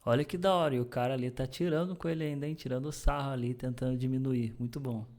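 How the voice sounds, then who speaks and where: A Brazilian man with a medium-pitched voice speaks as an online language coach. He explains and comments casually, using slang and emphasis as he addresses the viewer directly. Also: fairly even intonation, fast, a little mellow. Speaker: language coach and video host.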